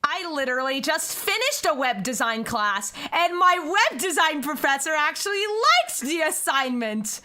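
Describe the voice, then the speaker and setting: This young woman's high voice flows unhurried with few pauses as she chats casually on her stream, addressing chat directly. Overcome with tearful joy, she lets out excited squeals.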